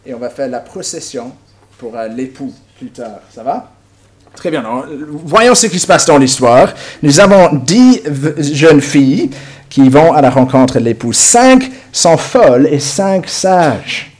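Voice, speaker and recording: A man, acting out a Bible story with volunteers and props, lively and lightly humorous. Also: a little high, unhurried. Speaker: preacher.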